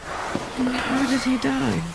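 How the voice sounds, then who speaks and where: An actress playing a resentful wife in a spy drama, needling and sarcastic in manner. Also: female voice, sits high, steady tone, very slow, gravelly, noisy background, heavily acted. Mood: sleepy, irritated. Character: resentful, sardonic wife of a secretive intelligence man. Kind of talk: naturalistic spy drama dialogue.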